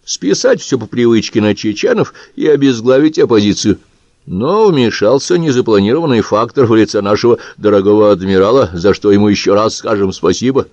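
A male audiobook reader voicing a heated, blunt Georgian man who talks emphatically in a higher voice. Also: lively intonation, a little fast, darkish tone, dry recording, lo-fi sound, close to an everyday voice. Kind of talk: audiobook character reading.

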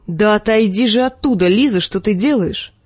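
A woman voicing a calm, scheming middle-aged lord who speaks slowly and soothingly. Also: mid-range voice, slightly rough, dry recording, close to an everyday voice. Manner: slow, measured, soothing.

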